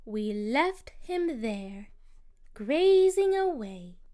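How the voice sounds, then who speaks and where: A woman reading a rhyming children's picture book aloud as narrator, in a slow, expressive, sing-song delivery. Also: on the high side. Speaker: storybook narrator.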